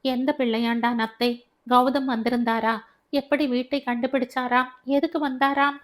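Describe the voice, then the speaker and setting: A scornful young working woman, as a woman narrator puts her on, firing sharp, pointed questions from a storybook. Her tone cuts with indignation. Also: high voice, little pitch movement, moderate pace, lightly acted. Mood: questioning.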